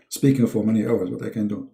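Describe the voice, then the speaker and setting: A man hosting a live online debate stream, hoarse and losing his voice, often clearing his throat and coughing as he talks to viewers. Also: lowish voice, mellow.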